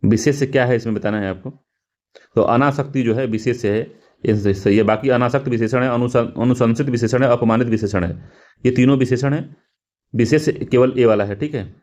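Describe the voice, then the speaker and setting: A man's voice: mid-range voice, brisk, darkish tone, highs cut off. A male teacher going through exam practice questions, repeating words and correcting himself, with frequent fillers. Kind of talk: explaining test answers.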